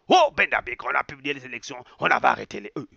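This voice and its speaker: Ranting with passion, this male online commentator repeats himself, mocks with exclamations and slips in local expressions. He talks fast in a gravelly, sharp mid-range voice whose pitch swoops wildly. There's no room sound, just a dull, dry lo-fi recording.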